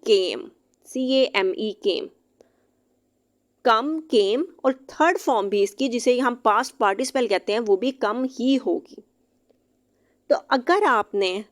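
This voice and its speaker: A woman teaching English vocabulary, reading each English example slowly and then explaining it briskly, sometimes spelling words out letter by letter. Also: fairly high pitch. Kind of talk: vocabulary lesson explained in Hindi-Urdu.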